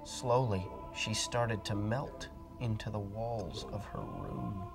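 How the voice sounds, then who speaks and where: A middle-aged man reads a picture book aloud with dramatic, animated delivery. His pitch rises and falls widely. Soft music plays faintly beneath him. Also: takes it slowly, creaky. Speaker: storybook reader. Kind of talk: expressive storybook read-aloud.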